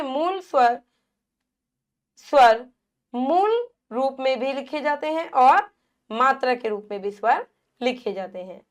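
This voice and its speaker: A woman teacher giving a children's grammar lesson. She sounds out syllables slowly and draws them out, and she asks questions and then answers them herself. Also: high-pitched. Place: classroom. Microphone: device at a smart screen.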